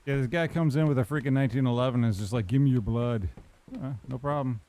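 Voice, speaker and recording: A man's voice: medium pitch, very fast, darkish tone, slight background noise. A man giving casual, joking game commentary as a let's player, offhand, crude and wisecracking.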